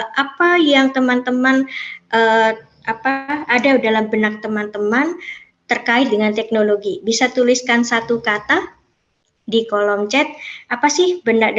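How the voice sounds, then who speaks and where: A woman in her late forties runs an online teacher training session, talking in a chatty way with many fillers and reading out answers from the chat. Her voice sits a little high. The audio is dull and lo-fi, like a video call. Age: 40s. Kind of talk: online workshop presentation.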